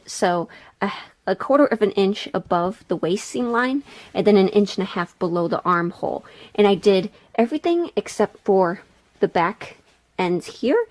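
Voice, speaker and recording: In a mid-range, slightly mellow voice, a sewing vlogger casually talks her way through a craft tutorial. She's chatty and informal, with mild swearing and some voice-over narration.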